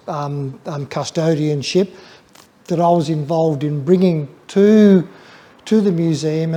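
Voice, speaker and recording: This guest speaker is a retired museum curator of photography, an older Australian man delivering a casual illustrated lecture to the public. He sounds slightly high-pitched, mellow and soft at the edges, though dull and flat in quality. Thoughtful and hesitant, he often stumbles at the beginnings of words.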